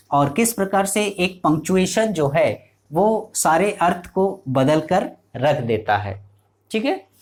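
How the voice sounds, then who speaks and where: A male teacher giving a lecture. He explains each point step by step and keeps checking in with his students. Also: a little high. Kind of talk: classroom lecture.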